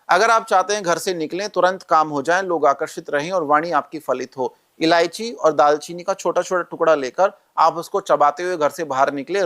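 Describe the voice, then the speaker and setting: A man's voice: on the high side, fairly bright tone. A male astrologer guest in a podcast interview, instructively listing remedies step by step.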